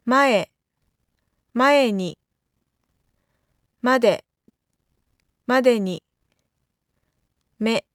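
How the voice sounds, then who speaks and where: A woman reading out lesson vocabulary carefully, one isolated item at a time with pauses between. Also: on the high side, dry recording, studio quality. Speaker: Japanese vocabulary reader. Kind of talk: scripted word-list reading for a language lesson.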